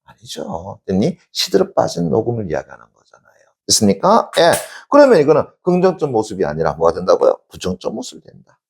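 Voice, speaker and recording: A middle-aged man teaching an exam-prep literature lecture. He keeps checking that students follow with quick tag questions, then answers them himself. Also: fairly low pitch, wildly swooping pitch, vocal fry, darkish tone, husky.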